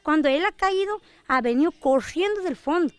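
A woman giving a halting, emotional news testimony at her home. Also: sits high, animated. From Argentina. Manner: halting, emotional retelling with restarts. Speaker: interviewee, assault victim.

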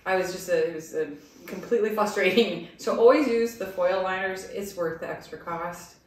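A woman co-hosting a home cooking show, chatting casually about a recipe, bubbly and quick to laugh, recorded in a kitchen. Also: on the low side, darkish tone. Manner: bubbly, laughs often, playful. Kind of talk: casual cooking demo chat. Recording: very echoey room, mic far off.

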